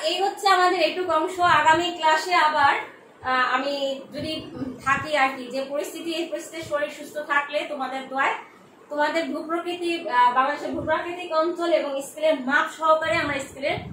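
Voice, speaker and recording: A woman's voice: sits high, steady tone, a little fast, background noise. A middle-aged woman from Bangladesh, a geography lecturer giving an online lesson to students in a chatty, motherly way, with frequent filler sounds. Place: room at home. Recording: echoey room, mic at a distance.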